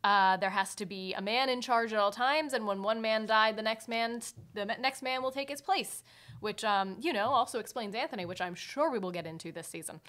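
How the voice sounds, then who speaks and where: Female podcast co-host, twenties, a bit high in pitch, casual conversational delivery with a wry edge. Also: fairly quick, a bit bright. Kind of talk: casual chat, TV show recap. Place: small indoor podcast set with bookshelves. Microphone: desk microphone on a stand, close.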